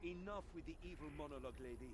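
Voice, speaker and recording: A man's voice: a little high, rapid-fire, background noise, lightly acted. A man playing a sardonic, impatient adventurer in a fantasy game, with a sarcastic, wisecracking delivery. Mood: exasperated. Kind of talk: scripted fantasy game voice acting.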